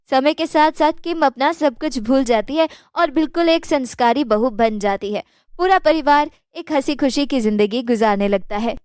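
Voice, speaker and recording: High-voiced woman storyteller. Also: smooth, no echo, clean studio sound. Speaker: narrator. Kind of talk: scripted storybook narration.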